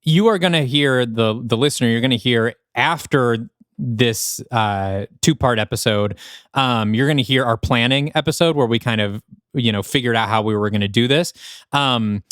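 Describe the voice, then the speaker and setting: In a clear, resonant, fairly bright mid-range voice, this podcast co-host and writer talks at a moderate pace, recorded at studio quality with no echo. He chats casually behind the scenes about writing, rambling while he works through his thoughts.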